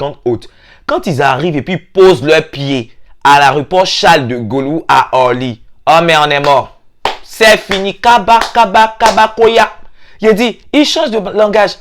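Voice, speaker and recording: A young man with an Ivorian French accent tells a comic vlog story. His pitch swings widely, and he breaks into sudden high-pitched squeals to mimic people. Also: sing-song, normal speed, a bit bright. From Ivory Coast. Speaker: vlogger. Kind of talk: comedic storytelling monologue.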